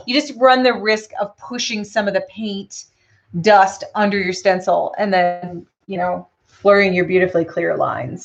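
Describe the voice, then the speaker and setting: A woman hosting a live painting tutorial, thinking aloud in a relaxed, chatty way with frequent ums and answering viewer questions. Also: mid-range voice, highs cut off. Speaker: custom lure painter hosting a live stream.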